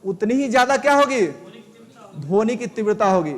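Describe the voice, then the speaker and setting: High-voiced man teaching in a reverberant hall. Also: animated, moderate pace. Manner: explains step by step with repeated check questions. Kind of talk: live online lesson.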